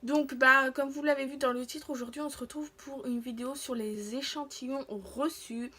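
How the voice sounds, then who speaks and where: A woman's voice: high-pitched, steady tone, normal speed, bright, forceful tone. A woman vlogging casually to her followers, rambling and interrupting herself as she goes, often trailing off. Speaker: vlogger showing free samples she received. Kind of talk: casual chatty video to followers.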